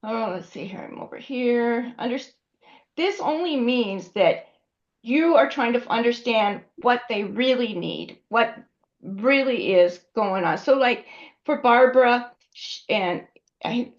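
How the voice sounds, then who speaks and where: A woman's voice: on the high side, animated, a little slow. A woman teaching a class in a conversational way, often checking in with her students. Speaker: instructor. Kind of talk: classroom lecture. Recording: dull lo-fi recording.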